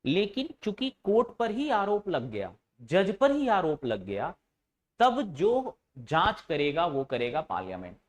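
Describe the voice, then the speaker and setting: A man's voice: sits high, wildly swooping pitch, measured pace. A man teaches a class, his voice rising and falling a lot as he fires questions at the students and answers them himself. He stays informal with the class and teases them at times. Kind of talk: classroom lecture.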